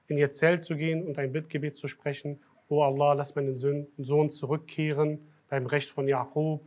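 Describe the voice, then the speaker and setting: A man giving a religious night lecture as a sheikh, swinging from quiet, low remarks to loud, emphatic declarations. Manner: grows loud and emphatic when making a point, drops low and soft at times. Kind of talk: Muharram night sermon. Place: lecture hall of a foundation.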